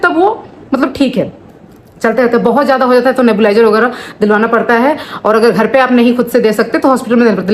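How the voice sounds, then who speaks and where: Brief: woman vlogger in her 30s, fairly high voice, talks straight to camera, explains a family dispute point by point, faint hiss behind. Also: a little mellow. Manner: explaining and complaining, many asides. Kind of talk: casual talking-to-camera vlog.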